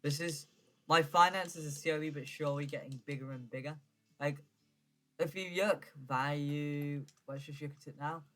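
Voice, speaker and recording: Rambling young gaming commentator. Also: male voice, a little high, fairly even intonation, moderate pace, sharp tone. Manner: rambling, self-correcting, lots of fillers. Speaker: gaming YouTuber. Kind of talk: casual gameplay commentary.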